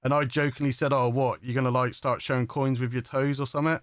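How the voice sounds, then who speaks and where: A man's voice: medium pitch, little pitch movement, fast talker, no echo. A man hosting a live stream, chatting casually, laughing often and calling his guest mate. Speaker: livestream host.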